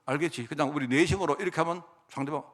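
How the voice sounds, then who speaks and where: A man's voice: fairly high pitch, racing, close to an everyday voice. A preacher putting on a sly scheming king. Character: scheming king, middle-aged man, sly and evasive.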